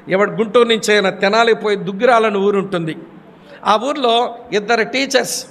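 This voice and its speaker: A man preaching a sermon, telling stories and acting out the voices of the people in them. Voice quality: high-pitched, animated storytelling with acted quotes. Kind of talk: sermon with storytelling. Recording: long hall reverb.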